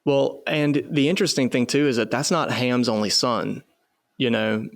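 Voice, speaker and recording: A man's voice: mid-range voice, fairly even intonation, normal speed, creaky, dry recording, clean studio sound. A man co-hosting a podcast, chatting casually and jokingly through a Bible study with lots of fillers. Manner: laid-back, jokey, trails off with fillers. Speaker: podcast co-host.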